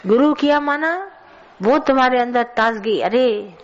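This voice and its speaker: A woman's voice: on the high side, unhurried, dull audio. A woman giving a colloquial spiritual sermon, scolding and telling stories to her listeners. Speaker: spiritual teacher. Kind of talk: satsang sermon.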